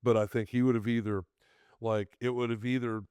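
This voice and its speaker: A middle-aged man, a guest on a podcast, talking casually with frequent halting repeats and restarts. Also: mid-range voice, level tone, a little mellow, clear, resonant tone, no room sound, studio quality. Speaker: guest, festival owner. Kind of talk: casual conversation.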